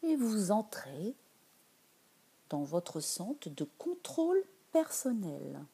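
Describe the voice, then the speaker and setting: A woman leading a guided meditation in a soft, soothing voice that drifts into whispers. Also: mid-range voice, sing-song, takes it slowly, vocal fry, slightly rough.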